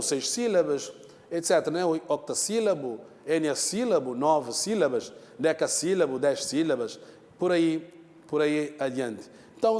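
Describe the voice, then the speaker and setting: A man's voice: on the high side, a little mellow, in a large hall. A man teaching a lesson, explaining step by step, repeating key terms and checking in with the students. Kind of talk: televised lesson.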